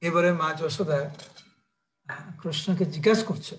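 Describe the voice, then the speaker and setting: Dramatic storytelling preacher, man, high-pitched voice. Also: moderate pace. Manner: animated, dramatic retelling. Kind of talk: devotional storytelling sermon.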